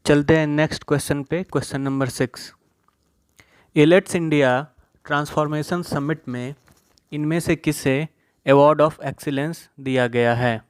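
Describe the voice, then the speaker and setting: A young male tutor talks through a current affairs quiz at an unhurried pace. His voice is smooth and clean as he reads out each question with four options and then explains the answer, slipping into his speech. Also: fairly high pitch, fairly even intonation. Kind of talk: exam-prep quiz lesson.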